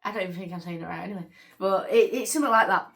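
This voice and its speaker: A woman's voice: medium pitch, very fast, vocal fry, a bit bright. A woman hosting a casual reaction vlog, chatty and easily startled. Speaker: reaction video host.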